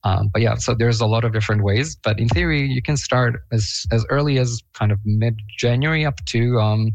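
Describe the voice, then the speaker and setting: In a dry recording, a Eurovision fan from Bosnia and Herzegovina chats as an interview guest, casual and enthusiastic, laughing often and using lots of fillers. His voice is mid-range with vocal fry, at a moderate pace.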